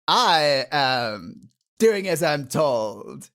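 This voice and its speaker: Man doing a blunt young lackey, slightly raised pitch. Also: sing-song, extremely slow, a bit bright, full character voice. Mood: dutiful. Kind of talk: improvised tabletop role-play.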